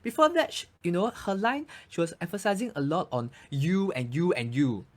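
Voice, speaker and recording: Brief: male voice coach, animated melody, chatty explanatory delivery. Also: high-pitched, normal speed. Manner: explanatory, frequent restarts and "you know". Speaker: voice coach and actor, guest. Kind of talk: casual interview chat.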